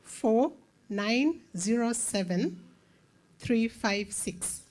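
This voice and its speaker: A woman's voice: a little high, lively intonation, very slow, a little mellow. A woman, a co-director reading out raffle numbers at an event, casual and chatty with hesitant fillers. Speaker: co-director drawing raffle winners.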